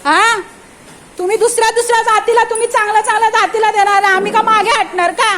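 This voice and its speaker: A woman's voice: very high-pitched, steady tone, fast talker. A woman arguing with office staff while filming on her phone, insistent and confrontational, repeating her words over and over. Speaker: parent filing a complaint. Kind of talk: heated confrontation filmed live. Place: busy government office, indoors. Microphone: phone camera held while filming. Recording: noisy crowded office.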